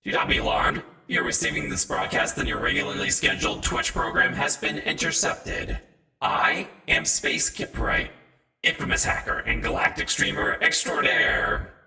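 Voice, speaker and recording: A man's voice: very high voice, huge pitch swings, normal speed, vocal fry, pushed and bright, pitched above the performer's own voice, heavily acted. A man voicing a grandiose alien hacker broadcasting to Earth through a robotic voice filter, in a theatrical announcer cadence. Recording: echoey distant processed intro over music.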